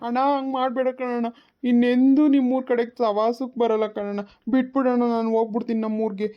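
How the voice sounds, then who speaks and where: Brief: woman doing a whining cartoon village youth, rapid begging, muffled recording. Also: on the high side, little pitch movement, close to an everyday voice. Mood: pleading. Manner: pleading, whining. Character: young village man begging to be let off. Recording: dull lo-fi sound.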